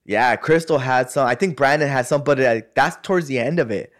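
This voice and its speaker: A man's voice: medium pitch, a little fast. A young man telling a story in casual chat, loose and slangy, with lots of fillers and cursing.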